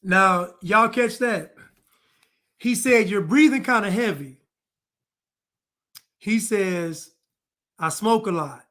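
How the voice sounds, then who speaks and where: A man with a high, sharp-toned voice comments on true crime, going through a clip for his viewers. He presses his points emphatically, firing off the same kind of rhetorical questions over and over.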